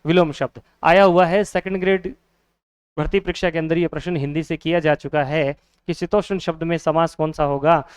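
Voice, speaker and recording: A man's voice: on the high side, fairly even intonation, moderate pace, clear, resonant tone, dry recording, clean studio sound. A man teaching a Hindi grammar lesson for exam students, asking questions and answering them himself, repeating each key word.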